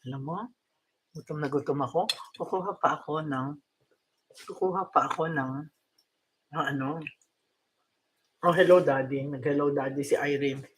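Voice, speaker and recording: A woman's voice: sits low, normal speed, long pauses, slightly rough. An older woman with a Filipino accent, chatting casually to her viewers at home, laughing often and mixing in English. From Philippines. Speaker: vlogger.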